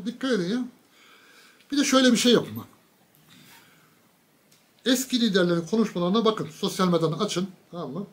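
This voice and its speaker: Guy ranting sarcastic at his viewers, kinda high voice, mocking, piles up words for emphasis. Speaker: political commentator. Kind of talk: casual political commentary monologue.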